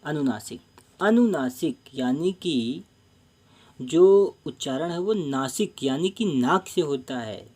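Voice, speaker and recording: A man teaching a Hindi grammar lesson for exam preparation, explaining each term slowly, repeating himself and often calling the viewers friends. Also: a little high, lively intonation, darkish tone.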